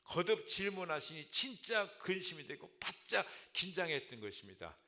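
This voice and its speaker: Brief: male pastor, earnest sermon delivery, bright forceful voice, church sanctuary. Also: on the high side, very animated, moderate pace. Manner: earnest, punctuates with frequent affirmations.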